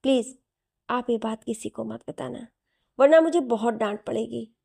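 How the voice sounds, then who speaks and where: A woman voicing a lively, talkative young woman in a storybook reading. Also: a little high, gravelly, breathy edge. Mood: flustered. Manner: chatty, quick to accuse.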